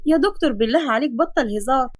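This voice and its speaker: A woman's voice: high voice, animated, very fast, dry recording, clean studio sound. A woman voicing a cheeky young Egyptian female student who complains dramatically. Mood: whiny. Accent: Egyptian Arabic. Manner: whiny, exaggerated complaining.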